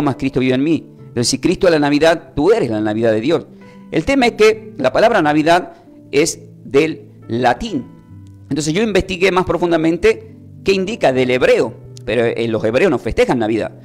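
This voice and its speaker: A man teaching a Bible lesson, slowly spelling out and repeating words for his listeners. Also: fairly high pitch. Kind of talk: sermon.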